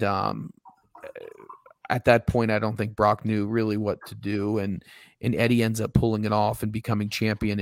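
A man's voice: on the low side, no room sound, studio quality. A man hosting a wrestling podcast, chatting casually and with enthusiasm. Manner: enthusiastic wrestling fan, rambling. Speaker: podcast host.

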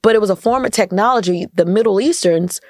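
Talking fast in a medium-pitched, slightly mellow voice, this American podcast guest, an entrepreneur and community activist, stresses points by repeating phrases throughout a casual interview. The recording is dry and clean, studio-quality.

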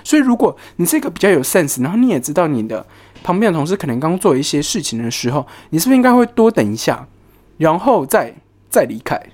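An animated vlogger telling a workplace story, the pitch leaping up and down as the talk runs on. The delivery is exclamatory and loose, with English words and curses dropped in. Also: fast. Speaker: HR worker telling a work story. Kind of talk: casual storytelling vlog.

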